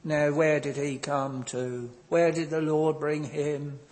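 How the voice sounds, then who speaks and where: A man preaching a sermon in a slow, earnest manner, pausing often and filling the gaps with ums. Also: a little high, level tone, darkish tone, big-room sound.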